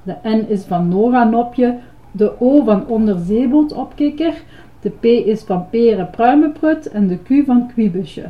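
A woman's voice: a little high, expressive, a little slow. A woman voicing a cheerful male monster who sells ice cream, proudly chanting and eager to please, on a dull lo-fi recording. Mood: flustered.

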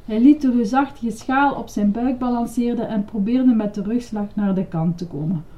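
A woman reads a children's story aloud with lively, expressive delivery. Her voice sits fairly high. The recording is dull and muffled. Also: normal speed.

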